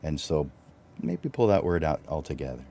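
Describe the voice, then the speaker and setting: A man with a low voice hosting a live-stream teaching talk, relaxed and conversational, with fillers and restarts. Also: normal speed, slight background noise. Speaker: host.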